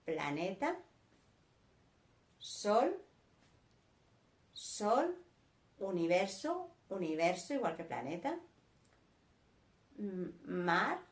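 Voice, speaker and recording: Woman, Spanish accent, very slow word-by-word teaching, lively pitch, echoey room. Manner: says each word twice, slowly and deliberately. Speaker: sign language teacher. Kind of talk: slow vocabulary lesson, naming words one by one.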